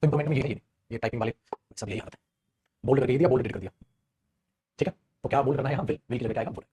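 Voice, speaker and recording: A man's voice: mid-range voice, very fast, warm tone, slightly rough. A man teaching English grammar in an online exam-prep lesson, explaining in Hindi, reading English example sentences aloud, quizzing students and calling them "beta".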